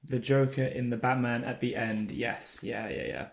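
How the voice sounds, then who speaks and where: A man's voice: mid-range voice, moderate pace, creaky. Enthusiastic man talking films. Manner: enthusiastic, emphatic, swears. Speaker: film podcast co-host. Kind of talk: casual film discussion.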